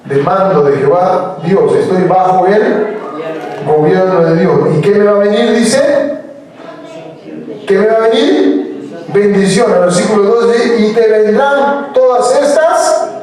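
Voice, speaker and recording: Preaching pastor, echoey church from afar. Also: male voice, high voice, a little slow, long pauses, darkish tone, far from the mic. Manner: preaching with call-and-response prompts to the congregation; asks questions and repeats phrases for emphasis. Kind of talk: sermon. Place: church hall. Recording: roomy church sound, voice heard from off the mic.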